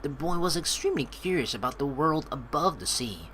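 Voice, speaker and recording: Over game music, this streamer performs a let's play, voicing the story's dialogue and tossing out sarcastic jokes in an animated way. Pitch is medium and delivery brisk, on a rough recording with a little hiss or hum.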